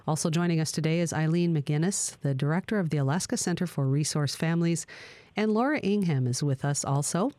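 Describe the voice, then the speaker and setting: A woman with a low-pitched voice hosts a radio talk program. She reads introductions and puts questions to guests, recorded dry with almost no room sound. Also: darkish tone, no room sound. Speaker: radio talk show host. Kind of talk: scripted radio introduction and interviewing.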